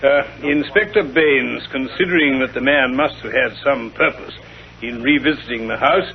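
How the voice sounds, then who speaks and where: An actor with a British accent playing a genial, blustery middle-aged doctor and sidekick in an old-time radio drama, bumbling a little. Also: male voice, mid-range voice, moderate pace, a little hiss or hum, natural voice. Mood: earnest, reading aloud. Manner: hesitant, bumbling, old-fashioned exclamations. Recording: dull vintage radio recording.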